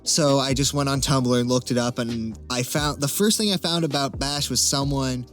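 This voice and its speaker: With faint music behind him, a man with a medium-pitched voice speaks at normal speed as a guest in a casual Q&A chat. An amateur voice actor, he comes across as hesitant, wry, and self-deprecating.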